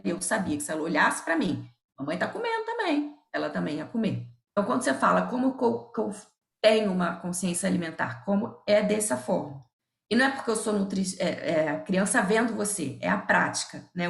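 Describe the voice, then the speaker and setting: A middle-aged Brazilian woman speaks with a gravelly, fry-tinged voice. She is an easygoing podcast guest who tells stories from home and laughs often. Her voice carries a noticeable room echo. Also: mid-range voice. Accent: Brazilian Portuguese. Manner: lively, laughs often, acts out remembered dialogue. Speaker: guest, nutritionist and professor. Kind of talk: candid conversational storytelling. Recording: roomy echo.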